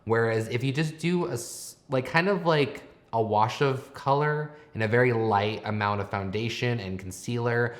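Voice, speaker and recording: A man's voice: medium pitch, normal speed, hardly any pauses. A man giving explanatory makeup commentary as a host, advising in a conversational tutorial style.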